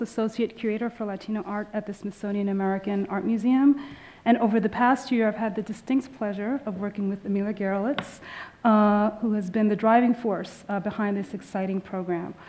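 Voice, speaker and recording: A woman curator opens a conference from a podium microphone in an auditorium. Her delivery is formal and measured, mid-pitched, with frequent "uh" pauses between phrases. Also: warm tone. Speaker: museum curator. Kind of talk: welcoming conference remarks.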